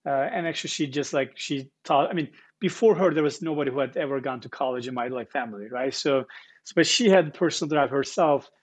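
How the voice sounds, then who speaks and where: A man's voice: mid-range voice, brisk, breathy edge. A man, a guest telling his story earnestly over a video call, often repeating words as he searches. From Turkey. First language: Turkish. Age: 40s. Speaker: guest founder. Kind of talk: casual interview storytelling. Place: living room with armchairs, indoors. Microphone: earbuds on video call.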